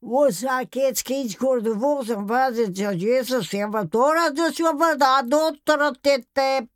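A cheeky pet parrot chatters away in a shrill, squawking voice, pitched far above a normal speaking voice and pushed out loudly, as a woman puts it on. It repeats its words over and over with gleeful, bird-like insistence, in the manner of a spoken memoir. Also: slow pace, no echo, clean studio sound. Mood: babbling.

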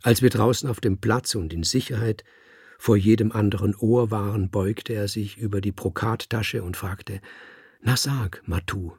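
Husky, gravelly male audiobook reader. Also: on the low side, fairly even intonation, moderate pace, a little mellow, dry recording, studio quality. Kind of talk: first-person literary audiobook narration.

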